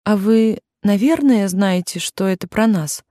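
A woman's voice: mid-range voice, a little slow, warm tone, dry recording, studio quality, natural voice. A woman voicing a shy, anxious young housemaid in an audiobook, speaking unsurely.

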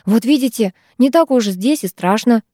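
A woman's voice: fairly high pitch, animated, normal speed, mellow, no echo, clean studio sound. A woman reading an audiobook, voicing a bold, bossy teenage girl who scolds the others. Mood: scolding. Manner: brash, scolding.

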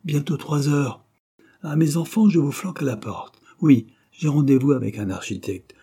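A man reading an audiobook, voicing a brash, fiery young courtesan with sharp, taunting outbursts. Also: fairly high pitch, moderate pace, husky, voice pushed up. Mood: brisk.

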